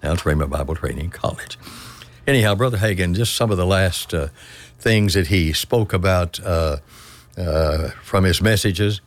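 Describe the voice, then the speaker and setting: An older man preaching on a church radio program, reading scripture in a folksy, halting way and correcting himself as he goes. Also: low voice.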